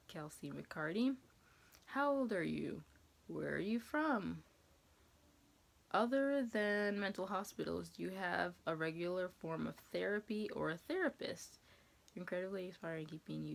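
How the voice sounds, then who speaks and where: A young American woman in her 20s from New England talks at normal speed in a low, creaky voice. As a vlogger, she reads viewer questions aloud and answers them in a casual Q&A, rambling and hesitant as she thinks aloud.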